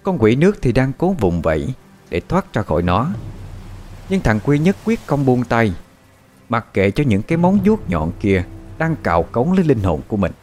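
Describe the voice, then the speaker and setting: A man narrating a horror story in a dramatic, expressive style. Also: mid-range voice, normal speed. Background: faint background music.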